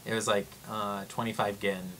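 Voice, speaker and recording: Excitable young man rambling. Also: on the low side, normal speed, a little hiss or hum. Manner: rambling, excitable storytelling with many "like"s and acted-out quotes. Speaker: vlogger. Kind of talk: casual travel-story vlog.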